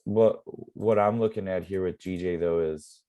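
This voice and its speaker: Low, dark-voiced man explaining trades. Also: moderate pace. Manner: relaxed, rambling, many fillers. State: losing his voice. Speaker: forex trading mentor. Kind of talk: casual live trading explanation.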